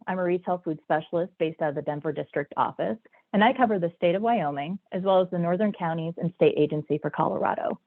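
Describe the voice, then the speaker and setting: A woman's voice: on the low side, no echo. A woman with a stuffy, nasal voice from a cold, presenting an online workshop in an enthusiastic, chatty way. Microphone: video call. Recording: dry, phone-like video call audio.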